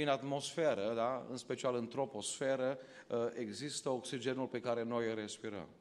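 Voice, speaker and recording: A man's voice: medium pitch, darkish tone, in a large hall. A man from Romania preaching a sermon to his congregation, rising into emphatic calls to the listeners. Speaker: pastor. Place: church hall.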